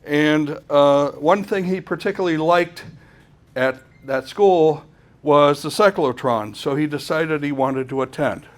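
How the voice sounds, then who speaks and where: A man with a fairly high-pitched voice gives an informal technical talk at a conference. He speaks haltingly, often repeating words as he goes along.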